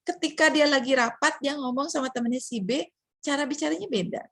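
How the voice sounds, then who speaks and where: A woman's voice: high-pitched, brisk, no room sound, clean studio sound. A woman giving a casual lecture, chatty, asking rhetorical questions and acting out short examples.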